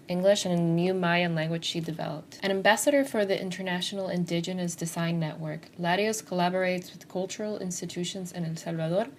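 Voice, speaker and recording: A woman reporter reading scripted narration in a measured, even news style. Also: lowish voice.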